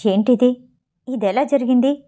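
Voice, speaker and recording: A woman's voice: fairly high pitch, unhurried, lightly acted. A woman reading the lines of a commanding, furious male hospital chief in an audio novel. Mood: alarmed. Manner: shouting, indignant.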